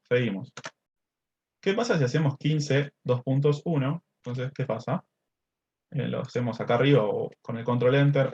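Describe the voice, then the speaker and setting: A man's voice: medium pitch, darkish tone, breathy edge. A man teaching a screen-recorded coding lesson step by step, often asking "¿sí?" and filling gaps with "este". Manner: explains step by step, checks in with "¿sí?" and "este". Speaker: math teacher. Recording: slightly dull lo-fi audio.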